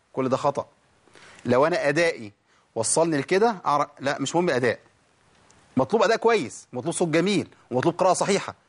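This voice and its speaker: A man with an Egyptian Arabic accent teaching Quran recitation rules, drawing out sounds slowly to demonstrate them and asking rhetorical questions. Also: mid-range voice. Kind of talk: tajweed lesson.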